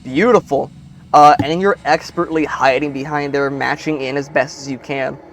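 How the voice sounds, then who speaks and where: A man's voice: fairly high pitch, fairly even intonation. A man running a tabletop game, narrating scenes with some fillers. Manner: unhurried descriptive narration with fillers. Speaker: game master.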